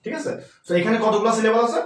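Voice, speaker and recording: Fast, high-voiced male tutor, echoey. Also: far from the mic. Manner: addresses students informally, mixes English terms into Bengali. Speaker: admission test English tutor. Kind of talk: live online class, explaining exam questions. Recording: roomy echo, voice a bit off-mic.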